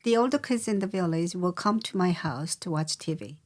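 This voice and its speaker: An older woman from South Korea with a Korean accent, answering interview questions slowly, with many pauses and fillers. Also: fairly low pitch. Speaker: guest. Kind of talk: casual interview.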